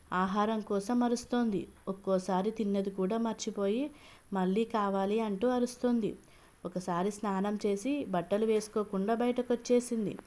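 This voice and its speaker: A woman's voice: mid-range voice, warm tone, close to an everyday voice. A woman reading as a sorrowful elder brother. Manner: sorrowful and explaining. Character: grieving middle-aged man, the elder brother, explaining his mother's illness.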